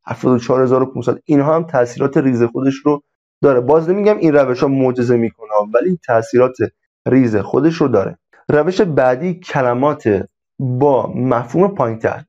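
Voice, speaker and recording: Mellow-voiced man teaching, slightly muffled. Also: medium pitch. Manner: conversational, repeats examples, many fillers. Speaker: online sales instructor. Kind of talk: casual spoken lesson. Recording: slightly dull lo-fi audio.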